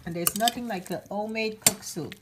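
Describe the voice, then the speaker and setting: Cooking show host, woman, slightly sick voice, relaxed chatty delivery, recorded in a noisy home kitchen. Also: mid-range voice, a little fast. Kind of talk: casual cooking demonstration. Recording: clattering kitchen noise behind. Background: pots, dishes and cutlery.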